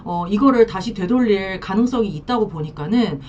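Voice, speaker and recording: A woman counselor talking through marriage troubles in an emphatic, animated way, her pitch swinging widely. She sits a bit back from the mic, the sound dull and lo-fi with a faint rumble behind. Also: brisk, distant mic. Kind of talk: advice monologue.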